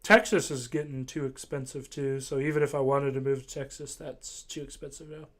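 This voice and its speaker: A man's voice: mid-range voice, steady tone, fairly quick, fairly bright tone. A young man from Ohio in casual chat, rambling and hesitant, full of fillers. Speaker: voice chat participant.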